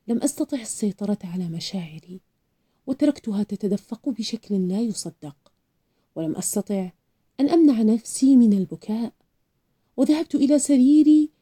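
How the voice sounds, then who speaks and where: A woman giving an expressive, dramatic first-person reading of a novel as an audiobook narrator. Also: mid-range voice, slightly rough.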